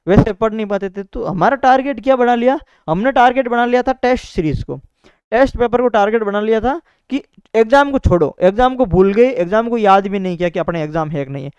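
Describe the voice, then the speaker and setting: An exam topper, a young man, gives a casual motivational talk to students about how he prepared, repeating himself and dropping in "bhai" and "theek hai". His high voice is expressive, brisk, and a little mellow, recorded cleanly with no room sound but with lo-fi quality.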